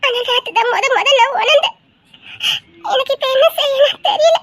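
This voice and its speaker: A woman playing a shy young village woman in love, with a Tirunelveli Tamil accent, soft and tearful, giggling through tears. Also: very high-pitched, a little fast, dry recording, studio quality. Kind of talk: acted romantic drama.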